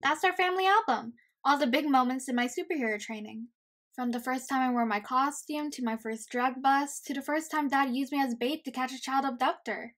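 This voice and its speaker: A woman's voice: high-pitched, a little fast, fairly bright tone. A woman playing a tough, foul-mouthed young girl vigilante in a comic dub, blunt and confident. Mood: proud. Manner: confident, blunt, matter-of-fact.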